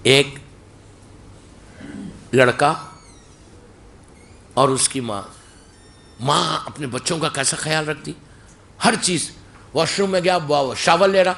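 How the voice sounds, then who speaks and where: A male preacher with a Mumbai Urdu accent, delivering a sermon and mixing in English, at times rising to loud, emphatic outbursts. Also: a little high, long pauses.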